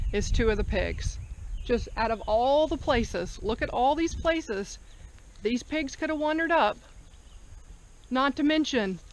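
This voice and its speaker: A mother and homesteader telling a long story to camera outdoors, rambling and correcting herself as she goes. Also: fairly high pitch. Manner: rambling, animated, self-correcting. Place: outdoors on a rural farm. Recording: noisy outdoor farm recording.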